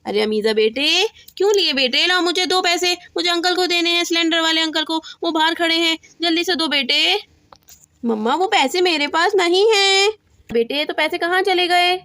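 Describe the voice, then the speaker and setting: A woman voicing a gentle mother in a doll-play story, speaking softly and calmly. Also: very high voice, moderate pace, no echo. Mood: worried. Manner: soft, calm, motherly. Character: gentle busy mother of a little girl.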